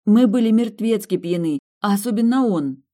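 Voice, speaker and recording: A woman's voice: lowish voice, animated, fairly quick, mellow, pitched above the performer's own voice, lightly acted. A narrator voicing a young woman doctor, flustered and eager to please, pleading and apologetic in an audiobook. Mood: embarrassed, earnest.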